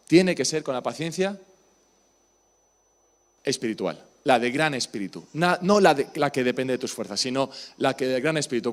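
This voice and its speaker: A male pastor with a Spain Spanish accent delivers a sermon in a church. His voice sits a little high, and he keeps it conversational, turning to the congregation with questions. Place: church service.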